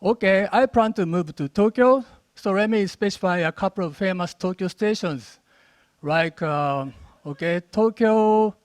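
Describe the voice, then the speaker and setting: A man with a Japanese accent giving a rushed, animated lightning talk with a live demo at a conference. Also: sits high, no room sound, studio quality. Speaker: conference speaker. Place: conference stage.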